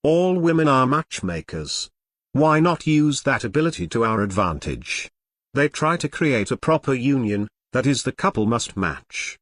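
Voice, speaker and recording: A man reading an audiobook aloud in a wry, mock-grandiose way, with dramatic pauses, close to the mic. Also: mid-range voice, sing-song, fairly bright tone, no echo. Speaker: audiobook narrator. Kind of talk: scripted narration.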